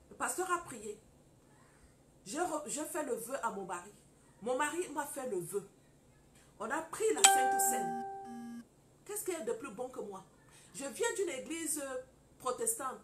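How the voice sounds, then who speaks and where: A woman teaching on marriage, mixing personal testimony with fervent preaching. She moves from quiet storytelling to loud declarations and addresses her listeners directly, scolding and urging them. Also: sits high, a little hiss or hum. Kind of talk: testimony-style preaching to an audience.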